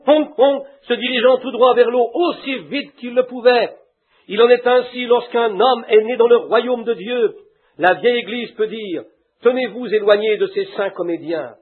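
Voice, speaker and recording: Fired-up preacher guy, raspy voice, sounds like it's coming through a phone line. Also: high-pitched. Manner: fervent, with shouted hallelujahs and imitated animal calls. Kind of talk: sermon. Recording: tinny phone-like lo-fi recording.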